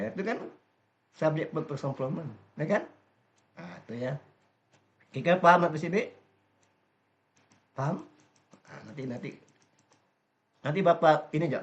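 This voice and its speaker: A male English teacher whose voice climbs and dips with a lot of movement as he walks his class through grammar. He explains step by step and keeps quizzing the room. The slightly high voice comes through a dull, lo-fi recording.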